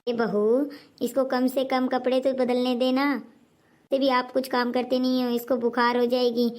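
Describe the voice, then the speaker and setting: A woman's voice: high-pitched, level tone, moderate pace, darkish tone, lightly acted. A woman doing a bossy old mother-in-law. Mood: complaining. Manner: nagging, complaining. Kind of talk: homemade family skit.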